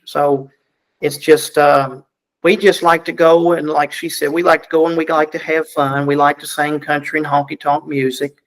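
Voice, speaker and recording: A middle-aged country singer with a strong Southern US accent and a slightly high voice. He talks in a folksy, self-deprecating way, often repeating a word as he starts a thought. His tone stays relaxed and chatty throughout the interview. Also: poor audio. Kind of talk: casual interview chat.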